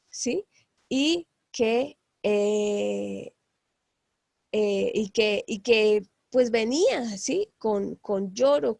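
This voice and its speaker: A woman's voice: mid-range voice, creaky, a little mellow, no echo, studio quality. Hesitant woman teaching Bible class. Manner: hesitant, many fillers and tag questions. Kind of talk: Bible lesson.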